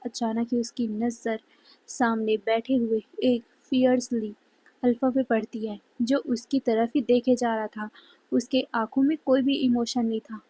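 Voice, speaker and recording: A woman narrating a fan-fiction story in a dramatic, expressive way. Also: on the high side, breathy edge, low-quality recording.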